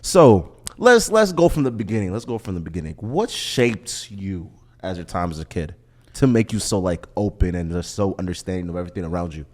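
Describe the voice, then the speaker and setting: A man's voice: low-pitched, a little fast. A young man hosting a podcast interview, chatting casually with lots of filler words. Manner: relaxed, talks with lots of likes and fillers. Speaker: podcast host.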